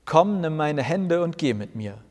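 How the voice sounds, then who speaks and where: A man voicing Jesus as a calm, knowingly smiling grown man who explains things patiently in a storybook tale. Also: a little high, a little slow. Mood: gentle commanding. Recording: long reverb.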